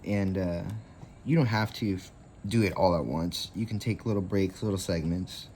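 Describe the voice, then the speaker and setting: A deep, darkish male voice in his twenties hosts a casual craft tutorial at a moderate pace, with a little hiss or hum on the recording. He rambles easily and uses lots of fillers.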